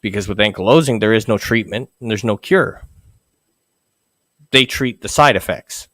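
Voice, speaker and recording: A man's voice: lowish voice, a bit bright, no echo. A man talking casually as a guest, often restarting his sentences. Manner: halting, many restarts. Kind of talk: casual chat.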